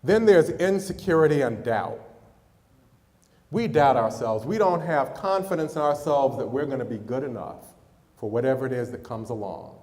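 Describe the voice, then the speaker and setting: A man's voice: mid-range voice, expressive, normal speed, darkish tone. A middle-aged man who is a pastor, preaching a sermon and telling stories to his congregation. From United States. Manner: storytelling preacher, speaks to the congregation with chuckles. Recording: long hall reverb.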